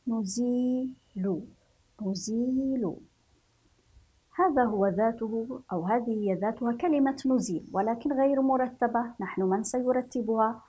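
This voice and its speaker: Breathy woman teaching children to read. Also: fairly high pitch, dark tone, low-quality recording. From Yemen. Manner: slow, drawn-out syllable-by-syllable reading for young pupils. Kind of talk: children's reading and writing lesson.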